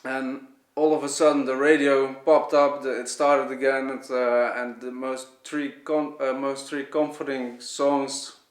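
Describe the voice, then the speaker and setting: A man with a Dutch accent, Dutch being his native language, recounts a personal testimony earnestly and without a script, stumbling as he reaches for words. The medium-pitched, level voice is recorded with an echoey, roomy sound.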